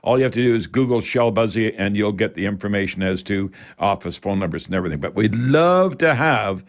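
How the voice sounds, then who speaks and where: Fairly low in pitch, this older Canadian man talks briskly with a lively, rising-and-falling intonation. He hosts a home improvement call-in radio show, addressing his listeners directly in a folksy, rambling, emphatic manner.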